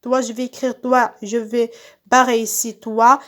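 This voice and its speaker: A woman's voice: fairly high pitch, flat delivery, unhurried, fairly bright tone. A woman teaching young pupils in a recorded lesson, stretching out and repeating each word so children can follow. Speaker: primary school teacher. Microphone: phone.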